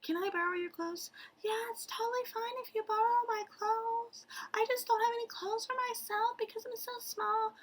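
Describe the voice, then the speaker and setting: A woman voicing a tiny, meek princess in a very high, breathy half-whisper, as a mocking impression. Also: fairly even intonation, normal speed, hardly any pauses. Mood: meek, sweet.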